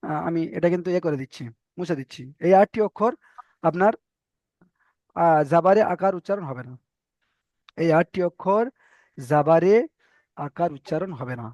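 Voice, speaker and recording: A man teaching an online reading class, slowly drilling letter sounds and repeating syllables for his students. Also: on the high side, a little mellow, no echo, muffled recording. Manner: slow, repetitive drilling of syllables with pauses.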